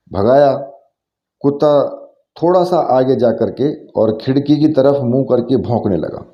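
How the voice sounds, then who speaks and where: A man narrating a horror story in a plain, unhurried storytelling way, in a roomy, dull lo-fi recording. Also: mid-range voice, mellow.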